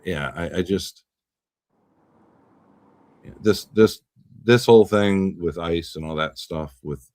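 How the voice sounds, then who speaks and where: On his casual political podcast, the host speaks slowly in a low, slightly mellow voice, pausing often. His talk rambles, with words repeated and swearing when he is riled, captured in a dry recording.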